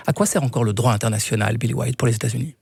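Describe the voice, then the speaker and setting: A man hosting a radio interview, asking brisk questions. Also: mid-range voice, vocal fry, darkish tone, breathy edge, no echo. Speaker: radio host. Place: radio studio.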